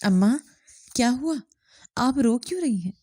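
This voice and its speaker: A woman voicing a frightened teenage daughter who pleads in a raised, higher voice. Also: warm tone, natural voice. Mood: pleading. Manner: pleading, tearful.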